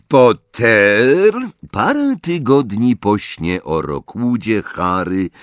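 Spokojny męski lektor audiobooka. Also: male voice, lowish voice, no room sound, clean studio sound. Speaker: audiobook narrator. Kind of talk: scripted narration.

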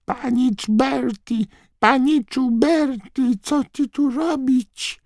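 A man's voice: extremely high pitch, fairly even intonation, slow pace, creaky, darkish tone, dry recording, clean studio sound, pitched above the performer's own voice, full character voice. A man voicing a frantic, devoted female house-elf servant who squawks in broken grammar. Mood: shrieking.

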